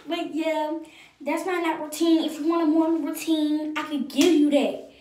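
A woman's voice: high-pitched, steady tone, moderate pace, dark tone, echoey room, far from the mic, a little hiss or hum. A young woman, chatting playfully and rambling while doing her hair for her vlog. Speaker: vlogger.

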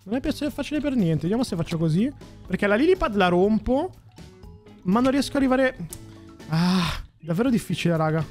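Excitable high-voiced Italian gaming YouTuber. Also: male voice, a little fast, soft background music. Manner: excitable, shouts and cheers at successes; addresses viewers as raga and ragazzi. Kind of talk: casual gameplay commentary.

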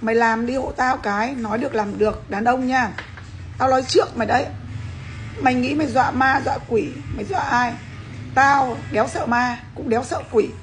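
A woman's voice: fairly high pitch, fairly quick, slight background noise. A woman vlogger delivering a combative, profane rant straight at a rival, hammering her points with repeated questions. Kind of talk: angry rant to camera.

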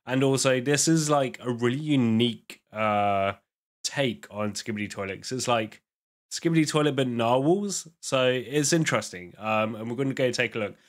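A man's voice: medium pitch, normal speed. Man with a groggy, cold-stuffed voice. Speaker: YouTube reaction host. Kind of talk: casual reaction commentary. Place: small bedroom studio, indoors. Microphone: close desk microphone.

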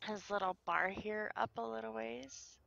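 A woman's voice: mid-range voice, steady tone, moderate pace, vocal fry, highs cut off, background noise. A woman hosting a life-simulation let's play, chatting to her game characters and viewers and sometimes slipping into a whisper. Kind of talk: casual game commentary.

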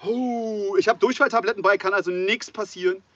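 A man's voice: high-pitched, steady tone, fast, fairly bright tone, distant mic. A man hosting an outdoor challenge in casual, exclamatory chat. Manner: exclamatory, reactive. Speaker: challenge host. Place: outdoors by a log cabin in woodland. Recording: muffled, noisy outdoor recording.

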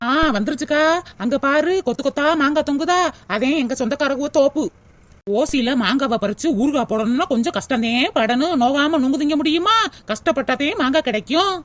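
A brash, bossy young cartoon village woman who teases and orders her friends around, as a woman voices her. Her high voice stays bold and sure. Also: brisk, lightly acted. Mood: teasing. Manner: brash, teasing, ordering others about. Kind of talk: cartoon voice acting.

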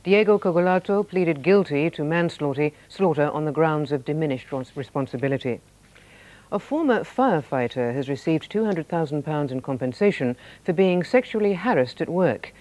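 A man reading a formal news bulletin in a measured, even manner, heard from a worn VHS tape copy. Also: a little high. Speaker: newsreader.

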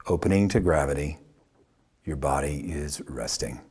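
The voice is a man's, husky and rumbling low, belonging to a yoga teacher running a guided meditation. He speaks in calm, short, unhurried phrases, pausing long after each.

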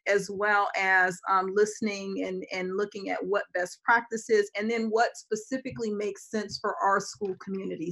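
A woman, a school district administrator answering questions in a virtual town hall over a video call, measured, with frequent ums. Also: mid-range voice. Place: home office with bookshelves.

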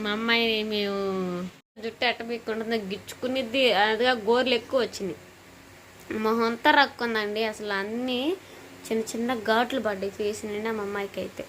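Weary bright-voiced young mother. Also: fairly high pitch, slight background noise. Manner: tired, complaining, talking straight to viewers. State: weary, feverish and short of sleep. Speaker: new mother vlogger. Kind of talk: casual home vlog chat. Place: home at night.

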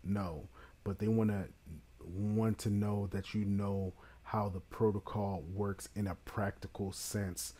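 Here a young man with a lowish voice speaks slowly and casually to camera. His topic is a certification exam he's reviewing, and his tone is relaxed and chatty, peppered with many fillers.

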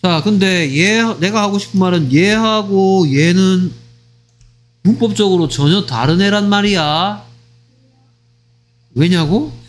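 A man teaching English grammar in a lively, teasing way, often checking whether students follow. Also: high-pitched, unhurried, pauses often, faint music behind. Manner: acts out short skits in other voices. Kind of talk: online grammar lecture.

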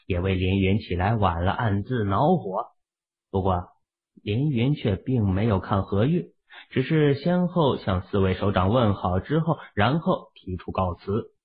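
A man with a husky, mid-range voice narrates an audiobook from a script, telling the novel's story in a dramatic style. The sound is narrow and muffled.

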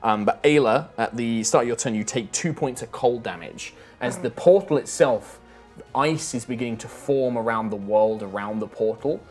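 Low-voiced woman game master. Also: normal speed, a little mellow, faint music behind. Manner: descriptive, hesitant with fillers. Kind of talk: narrating a tabletop game.

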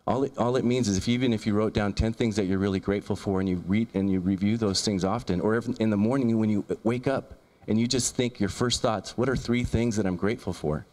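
Guy doing a keynote on a handheld mic, kinda low voice, earnest, trips over his words a bit. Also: steady tone, fast talker, hardly any pauses, a little mellow. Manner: earnest, repeats words and restarts, lists ideas. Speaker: keynote speaker. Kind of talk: motivational keynote talk. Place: large lecture room, in front of a projection screen. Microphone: handheld microphone.

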